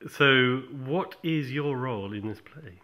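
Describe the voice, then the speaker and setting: A man's voice: mid-range voice, expressive, unhurried, pushed and bright. A man asking casual interview questions from behind the camera.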